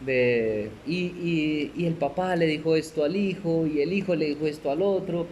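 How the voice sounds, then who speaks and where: A man's voice: on the high side, normal speed, darkish tone, a little hiss or hum. Chatty man teaching a Bible class. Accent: Colombian Spanish. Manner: conversational, asks "¿cierto?" and "¿sí?" often, laughs, acts out little scenes. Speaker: discipleship teacher.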